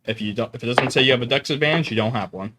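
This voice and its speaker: A young man narrating a tabletop role-playing game as game master, with lively, drawn-out dramatic narration. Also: medium pitch, background noise.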